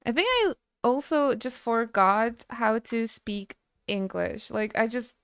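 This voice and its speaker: A woman game streamer chatting casually with her live audience, halting and stammering as she thanks viewers between frequent laughs. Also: a little high, animated, fairly bright tone, smooth, no room sound, studio quality.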